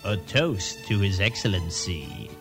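An actor playing a scheming male royal advisor who flatters in a smooth, self-assured way. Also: sits low, unhurried, music in the background. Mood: smug. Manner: oily, flattering, coolly confident.

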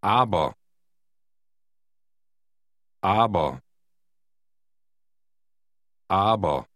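A low-voiced man models phrases for learners at a very slow pace, with deliberate enunciation. His pitch still moves freely. The recording is dry. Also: lively intonation, a bit bright, no echo. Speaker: native-speaker model voice. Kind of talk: slow model pronunciation for repetition.

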